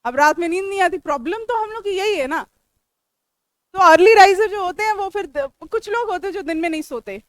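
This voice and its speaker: A woman's voice: extremely high pitch, animated, brisk, a bit bright, dry recording. A woman with an Indian accent, teaching English grammar to a classroom, explaining step by step and quizzing her students. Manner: chatty and joking with students. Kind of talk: classroom lecture.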